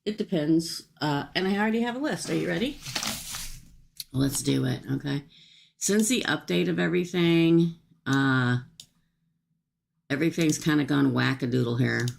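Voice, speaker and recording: A low-voiced woman hosts a casual livestream. Her speech has a gravelly fry, and she talks through a swollen, sore jaw. She is folksy and chatty, wandering from one aside to the next as she addresses her viewers. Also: moderate pace, long pauses, slight background noise. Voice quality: speaking with a swollen jaw and cheek after a tooth extraction. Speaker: livestream host offering paid psychic-style readings.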